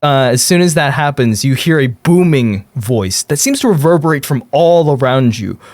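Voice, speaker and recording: A man working as game master, improvising descriptive narration in halting phrases. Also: mid-range voice, lively intonation, a little mellow, no echo, clean studio sound.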